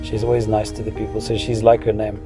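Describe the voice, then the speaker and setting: A fast-talking man in his fifties, with a lowish, monotone voice and a Zimbabwean accent, shares memories on his vlog. He keeps it casual and explanatory while music plays behind him.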